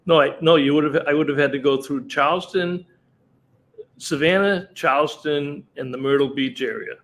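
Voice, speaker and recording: A man's voice: on the high side, moderate pace, fairly bright tone. A man co-hosting a casual talk show, chatty and fond of wisecracks. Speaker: co-host. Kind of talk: casual chat. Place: on the road while traveling.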